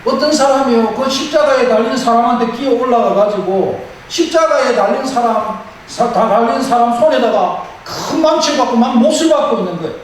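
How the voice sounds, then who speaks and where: A man's voice: extremely high pitch, fairly quick, hardly any pauses. A male pastor giving a sermon, emphatic and repeating key phrases, telling stories with animation. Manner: animated storyteller. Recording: very echoey hall, far-off mic, faint noise.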